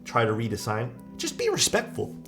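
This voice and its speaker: A man's voice: mid-range voice, huge pitch swings, normal speed, over music. Rambling man in his thirties venting. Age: 30s. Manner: rambling, venting, frequent fillers and swearing. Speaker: keyboard-building streamer. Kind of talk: casual livestream chat reading viewer comments.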